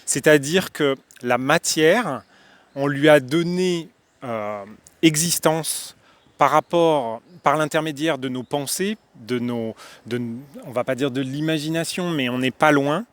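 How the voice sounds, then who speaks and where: A man's voice: fairly high pitch, a little slow, dry recording. A man with a French accent talks to camera in a loose spoken monologue, out of breath, full of hesitations and restarts. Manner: hesitant, many fillers and restarts. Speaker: spiritual video host.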